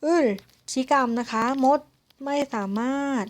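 High-voiced woman teaching grammar slowly. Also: steady tone. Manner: slow, syllable-by-syllable explanation with frequent polite particles. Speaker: Korean language teacher. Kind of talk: spoken grammar lesson.

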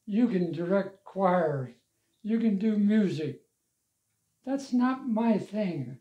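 With a high voice, an elderly longtime churchgoer relaxes in his living-room armchair and slowly shares stories of his life and church work, chuckling here and there. The reminiscing interview was recorded on a lavalier mic with a roomy, slightly muffled quality.

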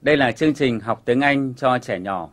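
A man teaching a children's English lesson on television, explaining pronunciation patiently and clearly. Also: medium pitch, normal speed.

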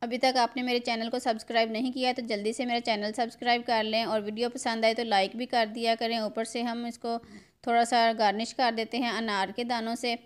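Fairly high-pitched and brisk, with little pitch movement and a clear, resonant tone, this middle-aged cooking channel host walks viewers through a recipe at home. She narrates homely, step-by-step instructions aimed straight at her audience.

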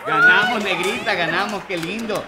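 A man's voice: sits high, normal speed, lightly acted. An actor playing a jovial neighborhood man, bantering and repeating his words. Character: cheerful neighborhood man betting on a match. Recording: TV scene with music and crowd.

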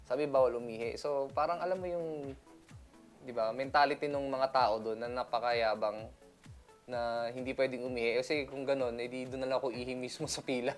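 A man's voice: medium pitch, steady tone, a little fast, soft background music. A man from the Philippines, a seaman, talking casually in a chatty vlog, laughing often and mixing in English. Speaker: seaman vlogger.

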